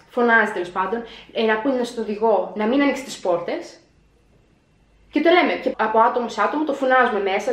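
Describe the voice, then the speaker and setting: A young woman telling a story in a vlog, animated, acting out her own panic as she retells it. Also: a little high. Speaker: vlogger. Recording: echoey room.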